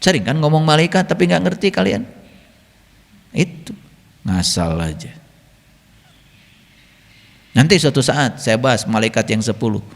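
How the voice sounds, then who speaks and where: A man's voice: mid-range voice, lively intonation, a little slow, long pauses. A man giving spiritual teaching to an audience, often asking them questions. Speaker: religious teacher. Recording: echoey hall with long reverb.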